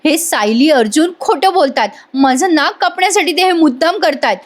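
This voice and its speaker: A woman's voice: high voice, expressive, moderate pace, pitched above the performer's own voice. Woman doing a lying young wife begging. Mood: pleading.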